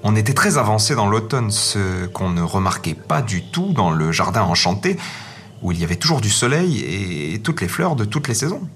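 Low-voiced male fairy-tale narrator. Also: sing-song, moderate pace, a bit bright. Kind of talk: storybook narration. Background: faint music.

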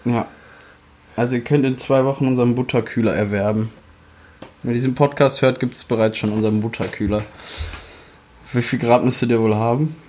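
A man's voice: medium pitch, steady tone, a little fast, pauses often, darkish tone. A young man co-hosting a podcast, teasing and blunt in casual banter. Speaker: podcast co-host.

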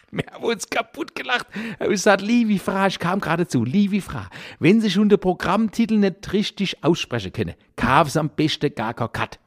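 A man with a broad Kurpfalz German accent delivers a comic dialect monologue in a slightly high voice. His intonation leaps and dips theatrically, and he chuckles through his punchlines. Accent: Kurpfalz (Palatinate) German. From Kurpfalz region, Germany. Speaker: cabaret artist, podcast host.

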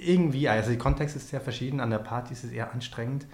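A man from Switzerland with a Swiss accent, a podcast guest telling stories in a relaxed way with many fillers. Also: medium pitch, very fast. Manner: relaxed storytelling with frequent fillers. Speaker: podcast guest, performance artist. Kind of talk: casual conversation. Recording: roomy echo.

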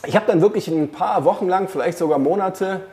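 Fast-talking dark-voiced man telling stories. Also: sits high. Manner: long anecdotes with many fillers. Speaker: podcast co-host, TV journalist. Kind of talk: casual chat.

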